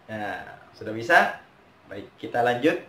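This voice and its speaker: A man with an Indonesian accent teaching Quran recitation, chanting verses slowly and explaining mistakes. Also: medium pitch, lively intonation, bright, forceful tone. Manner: slow, drawn-out chanting of verses between quick explanations. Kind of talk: step-by-step recitation lesson. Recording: roomy echo.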